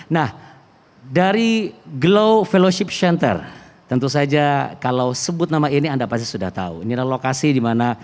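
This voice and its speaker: In a reverberant hall, a man hosts a theology talk show with his voice slightly muffled by a face mask. He speaks at a middle pitch, politely and wordily, often repeating phrases for emphasis. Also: lively intonation, moderate pace, a little mellow. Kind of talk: conversational hosting of a theology talk.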